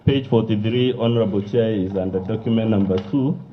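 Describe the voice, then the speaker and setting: Forceful lawyer cross-examining. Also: male voice, on the low side, fairly quick, slight background noise. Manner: forceful, combative questioning. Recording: muffled lo-fi broadcast audio.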